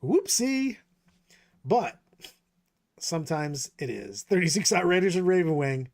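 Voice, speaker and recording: A man co-hosting a casual tabletop wargame chat, animated and quick to laugh and exclaim. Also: fairly high pitch. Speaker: co-host of a tabletop wargame talk show.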